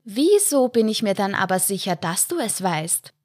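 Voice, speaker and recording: A woman's voice: medium pitch, sing-song, moderate pace, a little mellow, no echo, studio quality. A woman reading the lines of a suspicious wife who hisses accusations at her husband. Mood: accusing. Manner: hissing, accusing, threatening. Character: suspicious, sharp-tongued wife.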